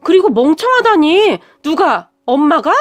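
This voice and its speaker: This is a confused grown son in a radio story, as a woman narrator puts him on. He fires off short, puzzled questions. The voice stays high, with faint music behind it. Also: very animated, measured pace.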